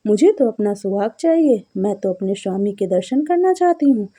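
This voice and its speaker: A woman's voice: medium pitch, animated, normal speed, mellow, slightly rough. A woman reading a devotional story, voicing a poor, mistreated young wife who pleads humbly. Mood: pleading. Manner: pleading, tearful.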